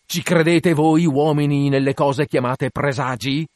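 A man's voice: a little high, steady tone, measured pace, no echo, studio quality, close to an everyday voice. A man voicing an obsessed, one-legged old whaling captain in a dramatic reading, commanding and declamatory. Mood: brooding.

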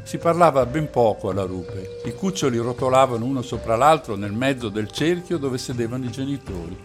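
A man with a medium-pitched voice narrates a novel aloud, keeping a steady, measured storytelling pace. Faint music plays in the background.

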